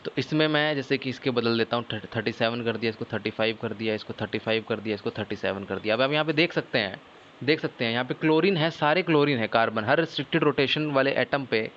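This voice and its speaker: Hindi chemistry teacher asking students questions. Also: male voice, medium pitch, quick pace, a bit bright, muffled recording, slight background noise. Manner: explains step by step, often asking students questions and answering himself; mixes English technical terms into Hindi. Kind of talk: online lecture.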